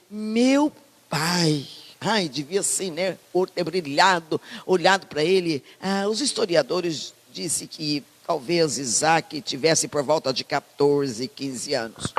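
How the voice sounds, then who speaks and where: A woman pastor with a Brazilian Portuguese accent, preaching a sermon in a lively, conversational way with many asides. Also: fairly low pitch, big-room sound. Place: church hall.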